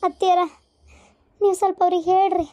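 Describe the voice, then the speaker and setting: A woman's voice: very high-pitched, little pitch movement, a little fast, dark tone, no echo, muffled recording. A woman voicing a frightened young wife in labor in a cartoon, with a North Karnataka accent and a pleading, strained way of talking. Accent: North Karnataka Kannada. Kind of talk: cartoon voice acting.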